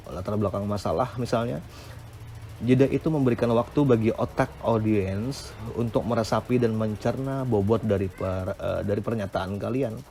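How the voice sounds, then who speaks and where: A man delivers a step-by-step lecture on public speaking, pausing often on hesitant fillers as he explains each point. His voice sits a little low. A faint hiss of noise runs under the recording. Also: mellow.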